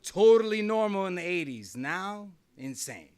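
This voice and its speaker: His voice is high-pitched and expressive, with a darkish tone and a moderate pace. He's a middle-aged man from New Jersey, USA, telling a wry personal story conversationally at a small live venue and often breaking into laughter.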